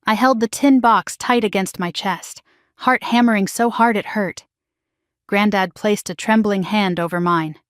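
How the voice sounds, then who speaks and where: A woman telling a first-person suspense story as scripted narration, steady and dramatic. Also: medium pitch, a little slow, no echo, studio quality.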